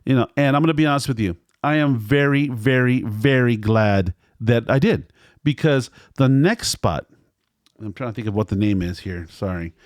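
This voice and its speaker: A man's voice: mid-range voice, moderate pace, no echo, clean studio sound. A man recounting a restaurant visit in a casual, rambling way. He repeats himself and acts out what the staff said. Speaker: restaurant reviewer.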